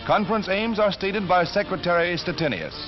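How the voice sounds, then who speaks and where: A high, animated male voice from the United States narrates scripted 1940s wartime newsreel material at a fairly quick pace. His announcer delivery is dramatic and emphatic, set against orchestral music on a dull period soundtrack.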